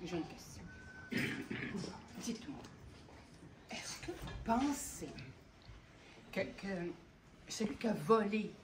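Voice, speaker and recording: A woman's voice: medium pitch, lively intonation, slow, pauses often, pitched below the performer's own voice. Daniel, a questioning philosopher, told by a woman. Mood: inquisitive. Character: curious male philosopher asking a pointed question. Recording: distant mic with background noise.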